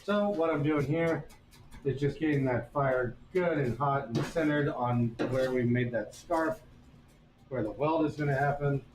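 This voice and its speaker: A man's voice: mid-range voice, measured pace, echoey room, a little hiss or hum, rough recording. Folksy man explaining forge welding. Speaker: blacksmith teaching on a stream. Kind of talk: casual live demonstration. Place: forge workshop.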